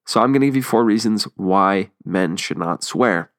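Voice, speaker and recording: A man's voice: on the low side, moderate pace, no room sound. A young man talking earnestly and casually as the host of a solo podcast, chatty with frequent ums and restarts, close to the mic. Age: young adult.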